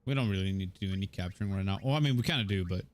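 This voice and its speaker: A low-voiced man in his twenties from Mexico chats casually, in rapid-fire bursts, while streaming a game. He sounds a bit hesitant as he talks.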